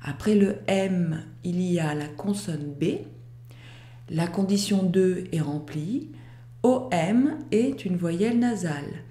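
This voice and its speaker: A woman teaching a pronunciation lesson, walking through each rule step by step with careful, deliberate enunciation. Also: lowish voice, mellow, reverberant. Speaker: French teacher. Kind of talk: slow, methodical pronunciation lesson.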